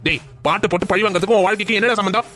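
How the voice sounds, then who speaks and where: A man's voice: sits high, racing, fairly bright tone, soft background music. A man voicing a boastful drunk middle-aged father in a cartoon family drama, brash and mocking.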